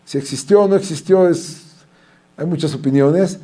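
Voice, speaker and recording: A man's voice: fairly high pitch, normal speed. A man giving a rabbi's Torah lecture, telling stories and acting out the voices of the people in them. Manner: animated storytelling, acting out quoted voices.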